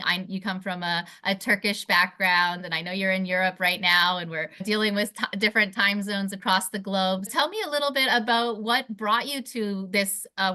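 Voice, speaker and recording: Bright, effusive woman host. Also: mid-range voice. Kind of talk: interview hosting.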